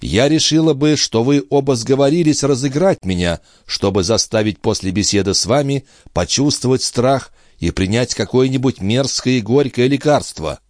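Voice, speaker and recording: A man voicing a proud, defiant young woman in an audiobook, raising his voice into high, strained outcries. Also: normal speed, few pauses, darkish tone, no room sound, studio quality, close to an everyday voice. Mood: indignant. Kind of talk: audiobook character reading.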